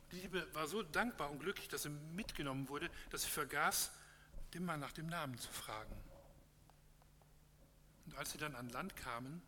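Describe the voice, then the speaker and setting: A man's voice: fairly high pitch, moderate pace, pauses often, pushed and bright. A man giving an earnest, encouraging sermon close and reading a parable aloud, with some hesitations. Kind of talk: sermon closing with a read parable. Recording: echoey hall with faint hum.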